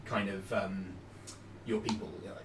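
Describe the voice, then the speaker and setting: A man runs a tabletop game, improvising in halting, piecemeal phrases. He is away from the mic in an echoey room with clear background noise. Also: low-pitched, little pitch movement, far from the mic. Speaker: game master.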